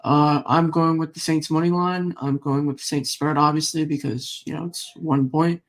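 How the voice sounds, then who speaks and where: A man hosting a casual sports podcast, talking fast and rambling with lots of fillers. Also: fairly high pitch, steady tone. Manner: quick, rambling, with many fillers. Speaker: podcast host.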